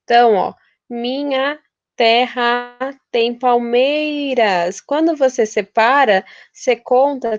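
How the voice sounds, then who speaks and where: Young woman from Brazil, informal teacher, chatty and stumbling; slightly high voice, dry muffled recording. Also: dry recording. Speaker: literature teacher. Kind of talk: casual recorded lesson. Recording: dull, lo-fi and dry.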